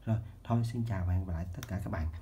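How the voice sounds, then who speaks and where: A man's voice: deep voice, racing, mellow. A man giving a casual children's math lesson, repeating steps and checking in with the viewers often. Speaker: math teacher. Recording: dull lo-fi home recording with faint noise.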